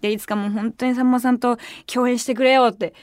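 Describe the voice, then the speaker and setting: A woman hosting a radio show, telling stories in a casual, animated and excitable way from a studio microphone. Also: a little high, fast talker, no echo. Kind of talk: casual solo radio chat.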